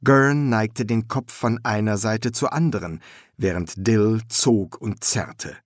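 A man reading an audiobook in a measured, expressive way. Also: lowish voice, no echo, clean studio sound. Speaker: narrator. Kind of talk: audiobook narration.

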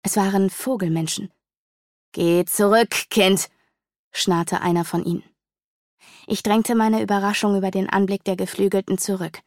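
A woman narrates a fantasy novel with vivid, dramatic storytelling. Her voice sits at a middle pitch for a woman. The recording is dry and close, with no room sound. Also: steady tone, normal speed, a little mellow, dry recording. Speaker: audiobook narrator.

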